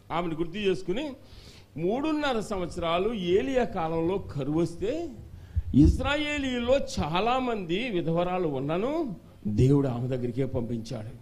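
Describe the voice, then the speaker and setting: A bishop preaching a sermon to a congregation, quizzing them and calling out for answers, rising to shouts at the peaks. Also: male voice, high voice. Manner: animated call-and-response, questioning the congregation; shouts at climaxes.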